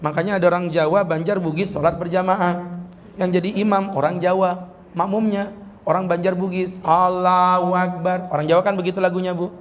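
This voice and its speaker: A man's voice: high voice, level tone, slight background noise. A male preacher giving a humorous sermon at a police event, joking and mimicking regional accents. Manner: jokey, mimics regional accents, chants Quran slowly.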